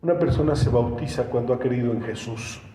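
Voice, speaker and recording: A man's voice: medium pitch, brisk, warm tone. A male pastor, preaching a sermon as a storyteller who acts out the dialogue he tells. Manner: storytelling, acting out quoted dialogue. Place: church hall. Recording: echoey hall with faint room noise.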